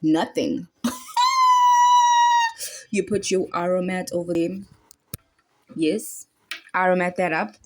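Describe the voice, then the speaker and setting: Speaking a little slowly with frequent pauses, a young South African woman talks through a recipe in a lowish voice with fairly even intonation. She's a cooking vlogger, and her casual tutorial turns into playful sing-song chanting while she stirs.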